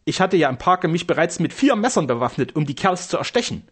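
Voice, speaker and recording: A man's voice: fairly high pitch, sing-song, quick pace, a bit bright, slightly rough, pitched above the performer's own voice, heavily acted. A man voicing a boastful old castle steward with pompous, theatrical bluster. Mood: proud.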